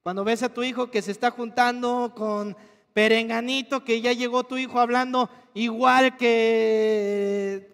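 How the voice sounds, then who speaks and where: A pastor preaches with a strikingly high voice, asking his congregation one question after another. His voice rings out with a long reverb through the church hall. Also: flat delivery, measured pace, a bit bright. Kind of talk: sermon.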